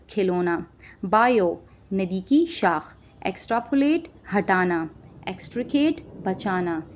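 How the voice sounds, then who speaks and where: A woman teaching vocabulary, listing each word with its meaning and often checking understanding with a quick question. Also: mid-range voice, darkish tone. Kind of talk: spoken vocabulary lesson.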